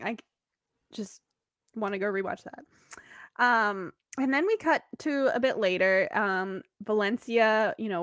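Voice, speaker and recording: Female podcast co-host, high bright pitch, dry close sound, lively recap storyteller. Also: no room sound. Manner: animated retelling with laughs. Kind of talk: casual TV recap chat.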